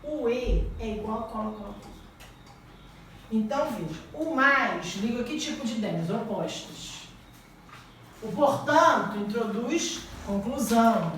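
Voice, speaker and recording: A Portuguese teacher from Brazil, speaking with a Brazilian Portuguese accent, tests her students on grammar through rising questions, her a-little-high voice lively yet a little slow. The room echoes, the mic is far off, and there's a little hiss or hum.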